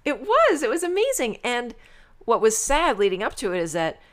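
A woman in casual chat, telling stories in an animated, chatty way. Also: a little high, moderate pace.

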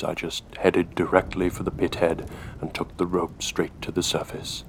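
A man hosting a horror story podcast, narrating a scripted tale in a measured, hushed way. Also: low voice, a little hiss or hum. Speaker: host and storyteller.

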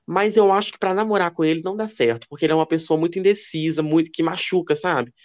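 A man co-hosting a podcast, telling gossipy stories in a casual, animated way. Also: fast talker. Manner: expressive, lively pitch. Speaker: podcast co-host. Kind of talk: casual chat.

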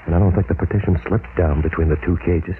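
An actor playing a grim, driven male scientist in an old radio drama, hushed and intense. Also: low voice, steady tone, fast, a little hiss or hum. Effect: old radio broadcast sound. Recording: tinny old radio broadcast.

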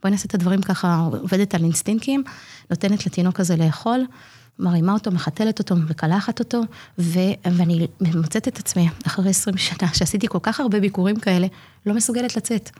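A woman in her forties, a community nurse, telling a personal story in an interview, acting out what people said and pausing often to hesitate. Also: medium pitch, slightly rough. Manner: earnest, animated retelling that acts out quoted dialogue; frequent hesitation fillers. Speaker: community child-health nurse.

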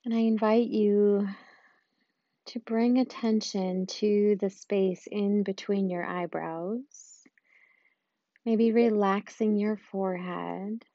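A woman guiding a loving-kindness meditation in a slow, soft and soothing way, with long pauses. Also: medium pitch, fairly even intonation, dry recording, dull audio. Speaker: meditation guide.

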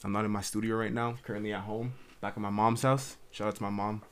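A man's voice: fairly low pitch, flat delivery, quick pace, a bit bright, smooth. Earnest young man talking casually. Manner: earnest, rambling, heavy use of "like". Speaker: podcast host. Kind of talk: casual solo monologue. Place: at home in his mother's house, dimming light. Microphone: camera recording.

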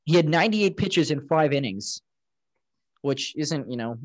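A man's voice: on the high side, expressive, a little slow, no echo. A man co-hosting a casual sports chat, recapping plays in a rambling way with lots of fillers. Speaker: podcast co-host.

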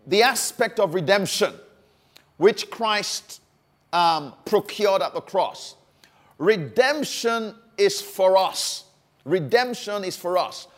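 A man preaching a sermon, stressing phrases by repeating them, with frequent fillers and restarts. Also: sits high.

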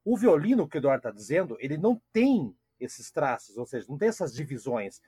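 A man co-hosting a casual music chat, jokey and quick to interrupt, repeating words as he explains. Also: a little high, big pitch swings, dark tone, slightly rough, dry recording. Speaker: co-host. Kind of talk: casual podcast chat about classical music.

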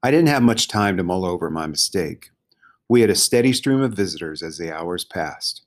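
A man narrating a children's storybook in a gentle, measured way. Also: low voice, lively intonation. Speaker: audiobook narrator.

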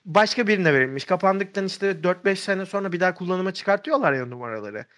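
A man tells a story in a loose, rambling way, filling gaps with "uh" and starting over mid-sentence. His voice sits a little high for a man. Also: animated, fast talker, fairly bright tone. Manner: rambling, many fillers and restarts. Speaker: podcast storyteller. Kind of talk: casual storytelling chat.

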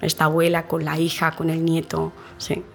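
A woman tour guide in an interview, telling her work stories in a lively way and acting out the dialogue. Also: deep voice, moderate pace, gravelly, faint music behind. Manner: animated storyteller, acts out dialogue with many restarts.

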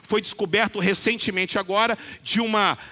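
A male preacher with a very high, bright voice that carries through a church with long reverb. He builds up emphasis and slows right down on the scripture he quotes. His delivery is earnest and persuasive. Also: steady tone. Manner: preaches with rising emphasis, quoting scripture with slow deliberate phrasing. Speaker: pastor. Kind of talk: sermon.

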